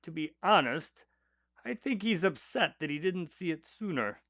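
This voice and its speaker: In a radio drama, a man voices a detective's doctor companion, recounting cases in an animated, conversational way at normal speed. His pitch is slightly high and varied in intonation, the tone a bit bright, and the recording is dry with no echo.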